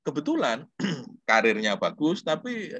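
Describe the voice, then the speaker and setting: A man's voice: on the high side, a little slow, no echo. An older man giving a religious talk, telling stories and acting out dialogues. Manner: animated storytelling, acting out dialogues. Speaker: Islamic preacher and lecturer.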